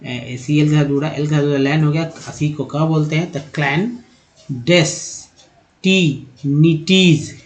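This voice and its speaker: Man teaching English sounds, slow repeats. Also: a little high, fairly even intonation, a little mellow. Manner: breaks words into letters and syllables, repeats them slowly; addresses viewers as friends. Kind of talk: slide-based pronunciation lesson. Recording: dull, lo-fi recording.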